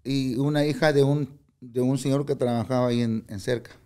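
This older guest musician speaks briskly in a smooth, darkish voice of medium pitch and fairly even intonation. In a casual interview, he recounts stories with blunt candor, cursing freely and impersonating others' words.

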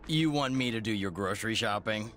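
A man's voice: fairly low pitch, fairly quick, a bit bright, a little hiss or hum, lightly acted. An actor playing a wisecracking young male superhero with a sarcastic, quippy manner.

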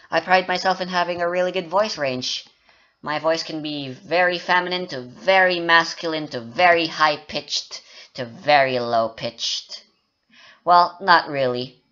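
During a game dev update, this indie developer and YouTuber wanders off on casual tangents and pokes fun at himself and his voice. His voice is fairly high, bright and forceful yet smooth, captured in lo-fi sound.

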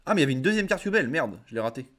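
A man's voice: fairly high pitch, big pitch swings, very fast, fairly bright tone. Young guy reading card text then riffing on it, chill slangy talk. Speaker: card game content creator. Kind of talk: casual card review reading.

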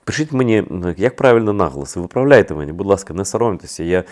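A man's voice: low-pitched, expressive, fast, a little mellow. A man hosting his own video channel, talking straight to his viewers in an emphatic commentary full of rhetorical questions and frequent hesitations.

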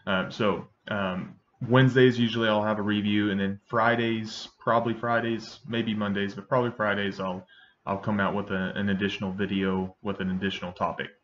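A man in his thirties giving a casual, halting review to camera. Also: lowish voice, flat delivery, a bit bright. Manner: halting, hesitant delivery. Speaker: pipe tobacco reviewer. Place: small indoor room with bookshelves. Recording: dull webcam sound with faint noise.

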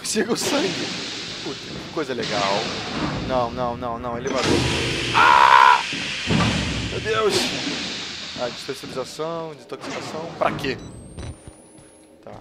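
A man's voice: on the high side, very noisy. A man from Brazil commentating a horror game, nervous and jumpy, swearing and making nervous jokes. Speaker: gameplay streamer. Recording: game music underneath.

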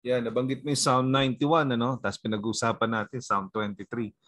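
A man's voice: mid-range voice, level tone, brisk, fairly bright tone, dry recording. A man with a Filipino accent, a pastor leading an online prayer meeting, talking conversationally with many fillers and tag questions. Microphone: video call.

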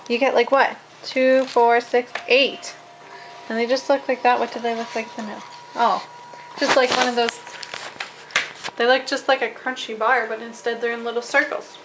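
A woman's voice: a little high, little pitch movement, normal speed, a bit bright. A young woman in her twenties chatting casually to a handheld camera, recorded with noisy camera audio. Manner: chatty, laughing easily, talks to the camera. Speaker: vlogger. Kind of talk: casual vlog chat. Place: home and car. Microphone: handheld compact camera.

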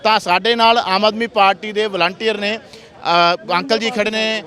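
Brief: male field reporter, high voice, brisk probing questions, outdoors. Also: fairly even intonation, bright, forceful tone. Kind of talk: street interview.

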